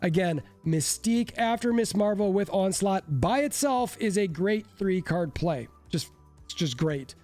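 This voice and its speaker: Stuffy and congested from a cold, a card game creator offers casual, slightly self-deprecating commentary as he walks through decks. His high-pitched voice is animated yet a little mellow, delivered at a measured pace over soft background music.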